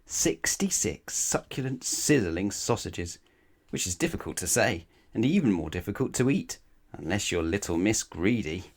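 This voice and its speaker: A man with a husky, lowish voice and wide pitch swings reads a children's bedtime story aloud. He plays it up for the young listener, stretching out key words, leaning on emphasis, and tossing rhetorical questions their way.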